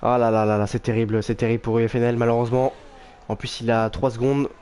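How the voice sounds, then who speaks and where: A man's voice: mid-range voice, flat delivery, quick pace, mellow. A man doing informal live motorsport commentary on an online race, reacting with exclamations and thinking aloud. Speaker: motorsport commentator for an online sim racing league. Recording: clear background noise.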